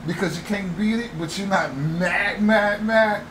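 A man giving casual, profane gameplay commentary, swearing and shouting at the game as he plays. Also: high voice, measured pace, a crowd in the background. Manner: profane, excitable, yelling outbursts at the game. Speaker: gaming commentator. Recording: game music loud behind voice. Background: game music.

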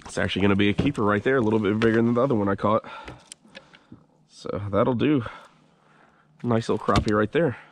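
With a lowish voice, he speaks briskly but pauses often, and background noise is present. He narrates his fishing trip from a kayak on a swampy creek in a relaxed, chatty way, cursing freely into his head-mounted action camera.

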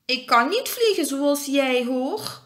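A woman's voice: sits high, sing-song, slow, pitched above the performer's own voice, full character voice. Woman doing a fretful little storybook hero. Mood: plaintive. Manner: earnest, pleading. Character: gentle worried little male storybook companion.

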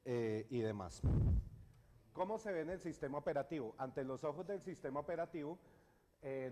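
A man's voice: medium pitch, a little mellow. A middle-aged man with a Colombian accent giving a technical conference talk, hesitant, with many fillers and restarts. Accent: Colombian Spanish. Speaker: conference speaker. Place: university lecture hall with audience. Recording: hall reverb in a lecture hall.

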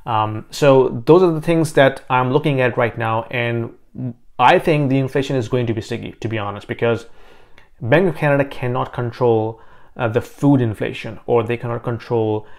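A man in his thirties talks through the housing market to camera, in a mid-pitched voice. He is casual and thoughtful and often pauses on fillers and restarts. The sound is close and clean from a lapel mic in a small home office. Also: gravelly. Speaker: realtor and finance vlogger.

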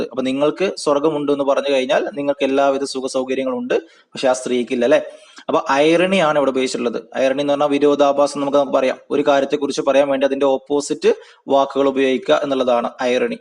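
A man with a Malayali accent teaching a lesson, reading English lines slowly, then translating and explaining them, and asking and answering his own questions. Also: medium pitch. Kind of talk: explaining song lyrics in a lesson.

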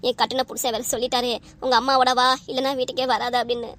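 A plaintive young cartoon daughter voiced by a woman, pleading over and over in a high voice. She speaks quickly and sounds helpless and hurt. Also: flat delivery, a bit bright, slight background noise, natural voice. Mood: desperate. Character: pleading young married daughter sent back home. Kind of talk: cartoon comedy voice acting.

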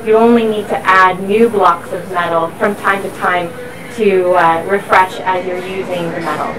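On a busy factory floor, a woman with a lowish voice walks visitors through the process step by step, keeping an even intonation and normal pace. Machinery and workshop clatter surround her, captured by a mic placed somewhat far away.

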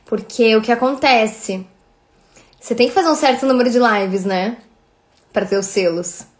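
A woman's voice: on the high side, moderate pace. A woman in her thirties with a Brazilian accent, chatting casually on a livestream and thanking viewers by name. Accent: Brazilian Portuguese. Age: 30s. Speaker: livestream host.

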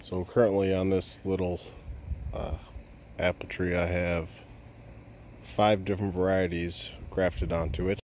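A man in his thirties vlogging outdoors in a rural backyard, talking in a subdued, halting way with frequent pauses, into a phone held at arm's length. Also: sits low, flat delivery, a little mellow, a little hiss or hum. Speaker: homestead vlogger. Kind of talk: casual vlog talk. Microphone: phone camera held at arm's length.

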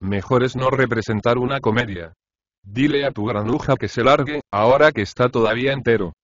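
A man's voice: medium pitch, fairly quick, lightly acted. A grumpy, sleepy husband, as a man reads him. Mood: grumbling. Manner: grumbling and irritated. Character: grumpy, sleepy middle-aged husband, a prosecutor. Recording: dry, slightly dull audiobook recording.

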